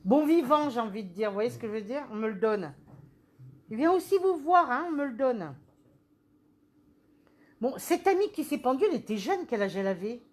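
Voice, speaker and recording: Lively woman medium, high voice. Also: normal speed, pauses often. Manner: animated, questioning, repeats "on me le donne". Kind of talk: live medium reading.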